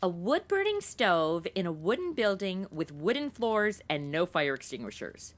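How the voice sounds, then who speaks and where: In a comedy audio drama, a young adult woman plays a flippant modern young woman stranded in the Old West. Her lowish voice is sing-song at a moderate pace. She sounds sarcastic, slangy and breezy.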